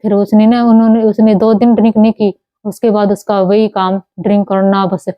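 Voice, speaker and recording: A young woman from Haryana speaks, recounting her own experience haltingly, with many false starts. Her voice sits at a middle pitch. It was recorded close and dry, and the sound is a little dull. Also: level tone, no room sound. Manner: halting, with many restarts and cut-off words. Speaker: interviewee telling her story. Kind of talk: personal testimony.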